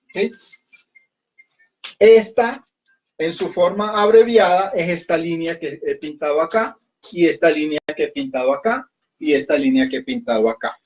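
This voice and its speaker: A man's voice: on the high side, lively intonation, moderate pace, pauses often, darkish tone. A man teaching a class at a whiteboard, patiently repeating himself and often checking that his students follow. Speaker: Hindi teacher. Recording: dull lo-fi recording.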